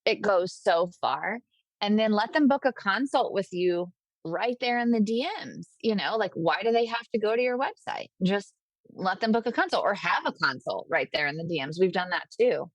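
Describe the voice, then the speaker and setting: A woman's voice: medium pitch, animated, moderate pace, no echo. Upbeat woman giving wedding business advice. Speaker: podcast guest, wedding business coach. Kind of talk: casual interview talk.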